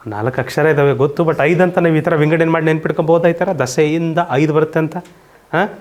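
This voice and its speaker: A male teacher giving a grammar lesson to children, patient, repeating points and asking quick questions. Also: a little high, fairly even intonation, darkish tone.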